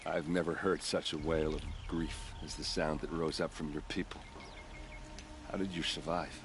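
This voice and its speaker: An actor playing a bitter, tipsy guard captain in grief in a video game, gruff and halting. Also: male voice, extremely low pitch, flat delivery. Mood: grave.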